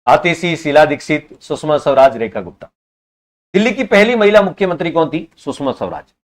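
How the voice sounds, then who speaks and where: A man teaching an online exam-prep class, quizzing students and repeating each answer, at times scolding them for slow replies. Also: on the high side, lively intonation.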